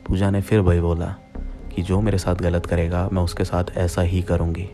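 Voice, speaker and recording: A man's voice: low-pitched, level tone, moderate pace, warm tone, faint music behind. A young man narrating a true-style horror story in the first person, speaking directly to his listeners as friends in a plain retelling voice.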